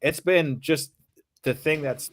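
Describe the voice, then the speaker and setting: A man's voice: on the high side, slow pace. A man being interviewed on a podcast, talking in an easygoing, friendly, conversational way. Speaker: podcast guest.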